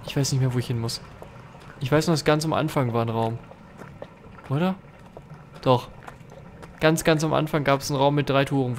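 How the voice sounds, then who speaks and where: A young man doing horror let's play commentary, his middle-pitched voice full of gravel and fry. He talks restlessly and jumpily, swears, and keeps turning to his viewers. A faint hiss sits behind him on his desk mic. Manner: restless and jumpy, swearing often and talking to viewers. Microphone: facecam with desk mic.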